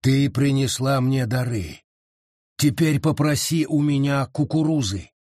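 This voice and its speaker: Brief: man reading an urgent forest beast spirit from a storybook, husky and barking orders. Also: mid-range voice, measured pace, a little mellow, no echo, studio quality, lightly acted. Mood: coaxing. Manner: urgent, insistent, bellowing orders. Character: wild male forest beast spirit, commanding.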